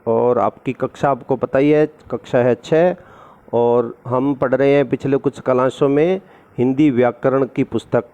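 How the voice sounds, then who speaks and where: A man's voice: mid-range voice, fairly even intonation, measured pace, dark tone, dull audio. A man teaching a school lesson, reading formal lines and then explaining them simply, often checking in with his listeners. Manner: reads formal text, then explains it in simple chatty words with tag questions. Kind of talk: classroom lesson.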